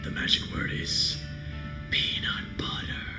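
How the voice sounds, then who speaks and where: A man voicing a creepy possessed porcelain doll, a little girl, in a breathy whispered talking-doll voice for a game. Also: slow pace, roomy sound, over music, lightly acted. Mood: secretive. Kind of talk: game dialogue read aloud in character.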